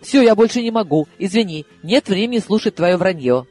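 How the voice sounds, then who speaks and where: A male reader voicing an excitable, indignant young woman of twenty-five who protests shrilly and half in tears. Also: high voice, brisk, soft background music, voice pushed up.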